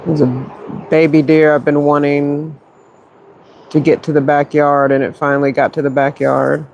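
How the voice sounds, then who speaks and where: A man quietly talking through a live stream from his backyard, speaking softly and haltingly on purpose. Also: a little high, flat delivery, vocal fry, lo-fi sound, a little hiss or hum. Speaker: livestream host. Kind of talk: hushed live-stream chat. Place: backyard, outdoors. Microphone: phone mic.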